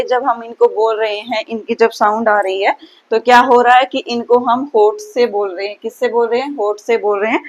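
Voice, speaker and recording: Female teacher, higher pitch, drawn-out demonstrated sounds, muffled lo-fi recording. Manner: repeats her own questions and answers them. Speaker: Sanskrit grammar teacher. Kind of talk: exam-prep lesson.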